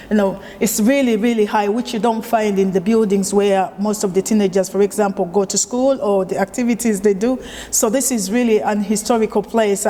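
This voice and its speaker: A woman's voice: mid-range voice, long reverb tail. A woman chef originally from Uganda, talking in an easygoing, conversational way with plenty of fillers during an oral history interview. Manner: relaxed, conversational with frequent fillers.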